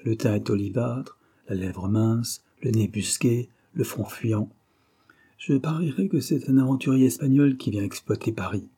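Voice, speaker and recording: A man voicing a big, brash young man who talks bluntly and provokes others with mocking calm. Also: mid-range voice, moderate pace, husky, lightly acted. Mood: scornful.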